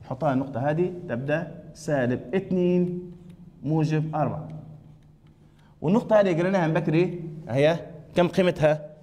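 Libyan guy teaching math to a class, talks quick, dark voice, echoey room. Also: a little high. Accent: Libyan Arabic. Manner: asks students questions and repeats answers. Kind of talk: classroom lesson.

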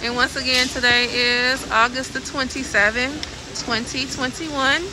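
A woman from California records a relaxed walkthrough vlog on her phone, arm's length away, moving from a car into a big warehouse store. Her voice sits high with a steady tone and a measured pace as she chats and repeats the items she spots. The phone audio is crowded with loud store noise.

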